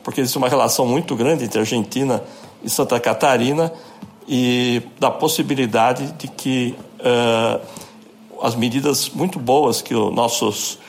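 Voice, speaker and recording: Measured man explaining as an expert. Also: medium pitch, steady tone, slight background noise. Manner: measured, explanatory, with thinking fillers. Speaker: epidemiologist guest. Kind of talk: expert interview answers.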